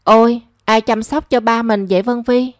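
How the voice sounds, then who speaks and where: A woman's voice: on the high side, fairly even intonation, moderate pace, no echo, clean studio sound, natural voice. A woman voicing a remorseful young woman who pleads with her family. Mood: anxious. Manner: pleading and emotional. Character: young daughter, remorseful and anxious.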